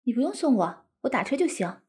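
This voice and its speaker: Woman doing cutesy coquettish young wife role-play, breathy, kinda high, sweet-talking and pouty. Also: very animated, brisk, a little mellow, exaggerated voice. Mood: doting, reassuring. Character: coquettish, doting young wife, a flight attendant. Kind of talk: intimate audio role-play.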